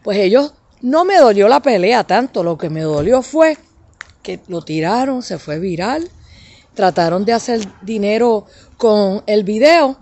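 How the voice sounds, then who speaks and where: A woman's voice: mid-range voice, animated, a little slow, darkish tone. Middle-aged puerto rican woman, boricua accent, talks emphatic, tosses in english words. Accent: Puerto Rican Spanish. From Puerto Rico. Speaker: interviewee telling a family story. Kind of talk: emotional personal account.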